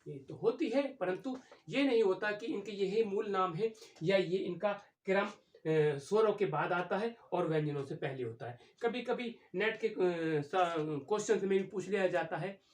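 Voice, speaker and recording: A man giving an exam-prep grammar lesson as a Hindi teacher, explaining step by step and pausing on drawn-out fillers. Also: high-pitched, expressive. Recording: echoey room, voice from far off the mic.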